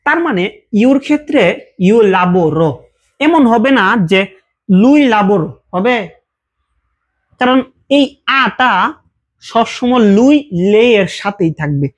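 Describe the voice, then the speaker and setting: A teacher giving a casual language lesson, explaining verb forms patiently with repeated examples and check questions. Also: medium pitch.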